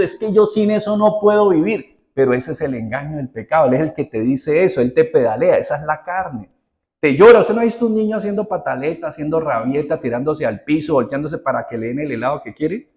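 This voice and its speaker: Animated preacher, a man mid-sermon. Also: on the high side. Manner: conversational preaching with rhetorical questions and swings between loud and hushed. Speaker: pastor.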